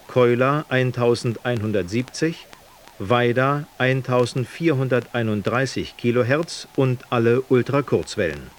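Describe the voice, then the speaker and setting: Formal male AM radio announcer, noisy recording. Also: medium pitch. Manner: measured, formal enunciation of frequency lists. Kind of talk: formal scripted East German AM radio continuity announcement. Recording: noisy archival AM radio broadcast.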